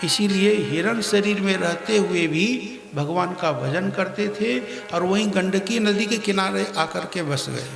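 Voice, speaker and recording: A man telling a devotional scripture story in a measured, emphatic storytelling manner. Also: high-pitched, creaky. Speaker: kathavachak, religious storyteller. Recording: echoey hall with faint music.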